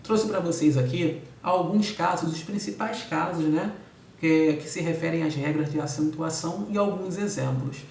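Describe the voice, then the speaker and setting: A man's voice: a little high, normal speed, creaky, a little mellow, distant mic, a little hiss or hum. A male Brazilian Portuguese teacher giving a recorded video lesson. He explains step by step and keeps checking in with his students. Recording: echoey room, voice off-mic.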